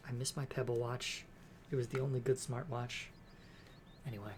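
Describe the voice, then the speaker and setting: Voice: mid-range voice, little pitch movement, normal speed, slight background noise. A streamer chatting casually while reading a game aloud.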